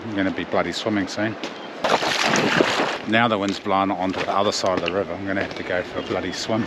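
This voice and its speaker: Male outdoor vlogger, broad Kiwi accent, lowish pitch, laconic and slangy, noisy open-air sound. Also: fairly even intonation, fast talker. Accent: broad New Zealand. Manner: laconic, slangy, swears easily. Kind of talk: casual vlog chat. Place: outdoors in bush and by a river.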